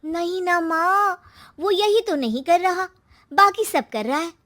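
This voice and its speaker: Woman acting a high-voiced scheming young daughter. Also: measured pace, a bit bright. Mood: insinuating. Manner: insinuating, complaining. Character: scheming, jealous young daughter of a rich family.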